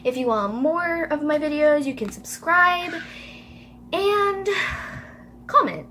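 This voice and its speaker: A giggly young woman vlogging as she reads her old story aloud, with a high and very lively voice. She breaks off often for sarcastic jokes and laughter. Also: slow pace, slight background noise. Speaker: YouTuber. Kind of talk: reading her childhood story aloud with commentary.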